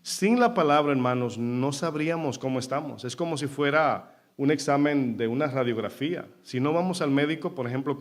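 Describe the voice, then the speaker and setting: Man preaching, asks the congregation questions. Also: on the high side. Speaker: pastor. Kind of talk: sermon. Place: church.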